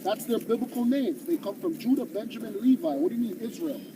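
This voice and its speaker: A man's voice: extremely high pitch, fast talker. A man from Jamaica preaching on the street, emphatic and confrontational, firing rhetorical questions. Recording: distant mic, clear street traffic noise.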